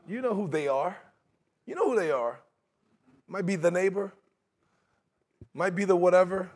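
Man preaching, high voice, lively swings in pitch, conversational, mocking asides, church hall. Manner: animated, conversational, mock voices for examples. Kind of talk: sermon. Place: church sanctuary, large indoor hall.

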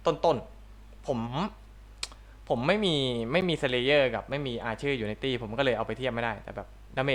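Young male gaming host, mid-pitched, casual tutorial commentary that thinks aloud and self-corrects. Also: fairly bright tone.

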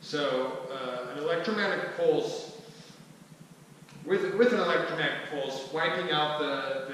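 At a skillshare, a man in his thirties gives a small group an informal, conversational explanation, his delivery somewhat halting. His voice runs on the high side, pushed and bright. A distant camera mic catches him in a large, echoey room with a wooden floor and a mirror, along with faint noise.

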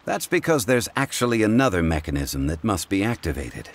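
Very deep, calm Zhongli. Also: male voice. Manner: measured, formal, knowledgeable. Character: calm ancient man, scholarly, composed. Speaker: game character. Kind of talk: video game voice acting.

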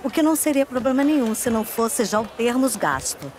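An actress as Eveline, lively sly circus performer. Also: female voice, fairly high pitch, fairly quick, a little hiss or hum, lightly acted. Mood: wry, persuasive. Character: sly, breezy, daring female circus performer. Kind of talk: dubbed video game acting.

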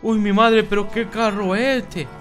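A man putting on a high-voiced rambling stoner. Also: steady tone, unhurried, soft background music. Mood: goofy, rambling. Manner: rambling, swearing, keeps calling people "my brother". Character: stoned, rambling drug-addict man, hotheaded and silly. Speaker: gaming YouTuber in character. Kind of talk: comic in-character commentary over gameplay.

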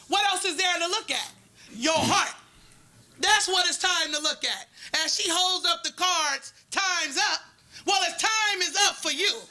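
A woman giving forceful, defiant public comment at a podium microphone in a meeting hall, full of rhetorical questions. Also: extremely high pitch.

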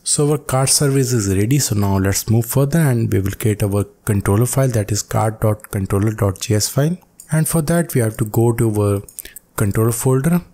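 Male coding tutor, voice-over, low relaxed tone, methodical dictation. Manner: slow, step-by-step dictation of code. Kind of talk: screen-recorded coding walkthrough. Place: voice-over on a screen recording.

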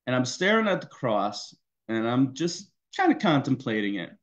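A male pastor giving a personal testimony in a worship service, in a conversational, halting way with many fillers. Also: mid-range voice, very animated, highs cut off.

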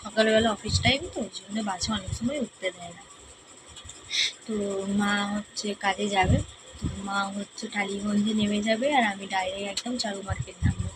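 A woman's voice: medium pitch, steady tone, brisk, over music, poor audio. A woman with a Kolkata Bengali accent chatting casually to her viewers in a vlog, confiding and often calling them friends. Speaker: vlogger.

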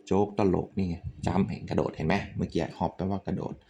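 A man with a Thai accent, teaching English vocabulary in a relaxed way, thinking out loud and swearing offhandedly. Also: sits low, fairly quick, creaky, muffled recording, a little hiss or hum. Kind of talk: casual spoken vocabulary lesson.

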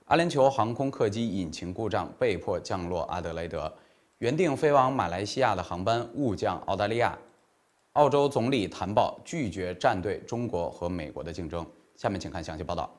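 A man's voice: sits low, animated, normal speed. A man in his thirties reading scripted news as a formal anchor, recorded on a lapel mic in a small studio.

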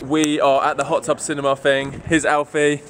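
A man's voice: a little high, monotone, moderate pace, over loud music. A young man vlogging outdoors in a city, talking into a handheld camera at arm's length in a chatty, upbeat way. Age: young adult. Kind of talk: casual vlog narration. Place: outdoors on city streets and a rooftop.

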